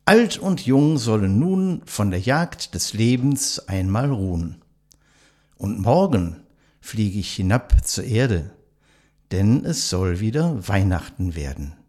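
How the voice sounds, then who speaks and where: A man's voice: on the low side, very animated, slow pace, darkish tone, heavily acted. A man reading a Christmas poem aloud and voicing the holy Christ Child in a raised, lilting voice. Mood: gentle.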